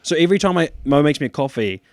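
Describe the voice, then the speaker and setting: A man co-hosting a casual comedy podcast, excitable and laughing often. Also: on the high side, racing, no echo, clean studio sound. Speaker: podcast co-host.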